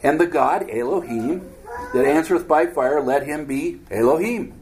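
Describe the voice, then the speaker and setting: A man's voice: fairly high pitch, moderate pace, darkish tone, slight background noise, rough recording. A man teaching a Bible study, reading scripture aloud and breaking in with casual, joking commentary. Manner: reads scripture aloud then adds joking asides, acts out voices.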